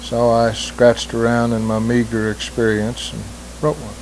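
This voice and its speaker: A man's voice: medium pitch, monotone, unhurried, darkish tone, rough recording. A middle-aged man with an American West accent and a plainspoken cowboy twang, telling stories and reciting rhymed cowboy poetry. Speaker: cowboy poet. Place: small wood-panelled room indoors. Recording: hissy old home video sound.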